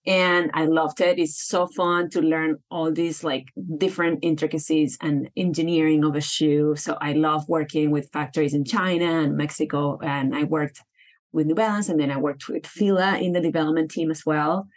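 Woman with a low voice. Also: steady tone, moderate pace. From Venezuela. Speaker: guest, brand founder. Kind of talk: interview answers.

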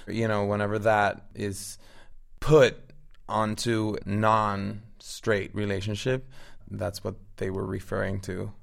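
A man's voice: fairly low pitch, creaky. A man from Venezuela with a Venezuelan accent, an actor guest chatting eagerly and restarting his words often. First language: Spanish. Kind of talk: casual interview chat.

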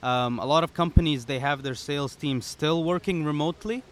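A young man, a startup founder being interviewed on a podcast, talking in a relaxed way with many "you know"s. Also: fairly high pitch, fairly quick. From Serbia, raised in the UAE. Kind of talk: casual interview. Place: pop-up studio at a conference.

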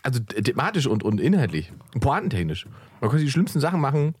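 A man's voice: medium pitch, fast, slightly rough. A man, a comedian and podcast host, chatting casually and telling stories with lots of laughter. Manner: animated storyteller, laughs a lot. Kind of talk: casual chat.

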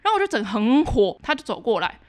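A woman with a Taiwanese Mandarin accent talks at a rapid clip in a casual podcast chat. Her voice sits a little high, and she rants with exasperation as she retells a story. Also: very animated. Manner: fast, exasperated ranting retelling. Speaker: podcast co-host.

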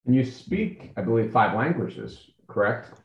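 A man's voice: mid-range voice, very animated, unhurried, reverberant, lo-fi sound. A man hosting an interview, encouraging and asking follow-up questions. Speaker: interview host. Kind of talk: conversational interview.

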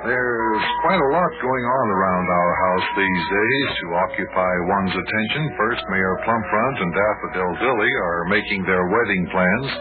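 A man's voice: on the low side, normal speed, hardly any pauses, narrow, tinny audio, over loud music, lightly acted. A man narrating and playing a genial grown-up in an old children's radio show, reassuring and storytelling. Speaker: narrator and host.

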